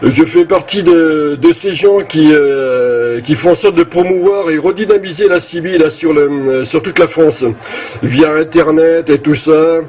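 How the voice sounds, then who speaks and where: A man comes through over a CB radio link, his voice a little high and muffled, with a faint hiss behind it. He explains things casually, full of hesitations and restarts. He sounds like a radio operator chatting on the air. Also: measured pace. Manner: hesitant, many fillers and restarts. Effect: heard over a CB radio link.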